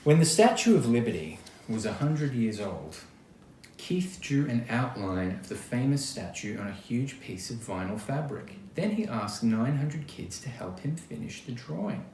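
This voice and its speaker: Here a man with a mid-range voice reads a picture book for children at a normal speed, voicing the quoted parts expressively and adding casual little remarks along the way. There's a roomy echo and faint background noise.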